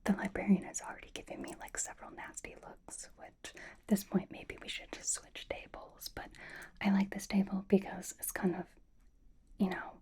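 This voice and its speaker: A woman speaks almost entirely in a hushed whisper, her tone dark and mellow. She talks straight to the listener, teasing and blunt, like a friend sitting across a library table. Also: medium pitch, monotone, normal speed. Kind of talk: whispered roleplay monologue to the listener.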